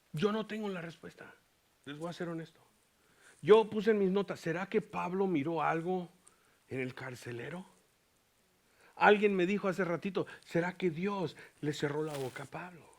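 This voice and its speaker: In a US church, a male pastor teaches a Bible passage in Spanish, dropping in English words and animatedly acting out Paul's lines in this bilingual sermon. His voice sits high, at a moderate pace with long pauses.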